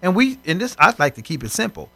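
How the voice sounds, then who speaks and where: A man co-hosting a faith broadcast, preaching in animated conversation and acting out voices from scripture stories. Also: high-pitched, quick pace, creaky, dry recording.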